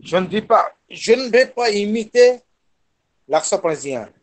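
Slow, high-voiced man lecturing in French. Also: slight background noise, rough recording. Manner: slow and deliberate, repeats himself, animated playful asides. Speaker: guest lecturer in a French teaching webinar. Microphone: video call.

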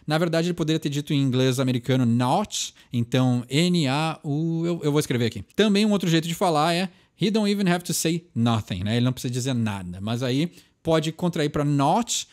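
A young man with a Brazilian Portuguese accent explaining song lyrics in a casual way, often ending sentences with a tag question and slowing down to read lines aloud. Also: fairly high pitch, darkish tone.

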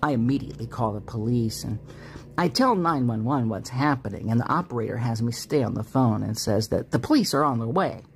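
Very low-voiced woman narrating a story. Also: fairly quick, a little hiss or hum. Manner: dramatic, expressive reading with jumps in pitch. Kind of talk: reading a story aloud.

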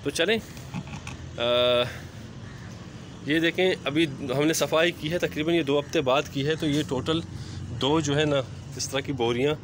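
Man, fairly high voice, chatty walk-through narration, phone mic outdoors with clear ambient noise. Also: a little slow, long pauses. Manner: chatty, repeats filler phrases. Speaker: poultry vlogger. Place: outdoor rooftop yard.

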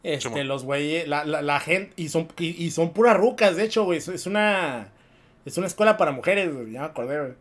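A man's voice: on the high side, a little fast. Slangy Mexican man telling a story. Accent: Mexican Spanish. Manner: slangy, profane, animated storytelling. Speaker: podcast co-host. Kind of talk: casual film podcast chat.

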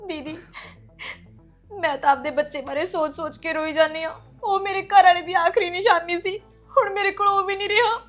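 A woman's voice: very high-pitched, steady tone, brisk, fairly bright tone, soft background music. A woman playing a tearful young widow. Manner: tearful and pleading. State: crying. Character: grieving young widow who lost her baby.

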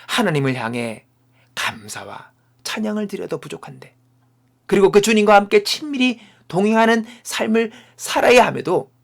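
A man preaching a sermon as a pastor and closing in prayer, speaking in short emphatic phrases and dropping into hushed whispers. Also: sits high, creaky, husky. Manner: swings from loud declarations to hushed whispers; slow, emphatic phrasing broken into short pieces.

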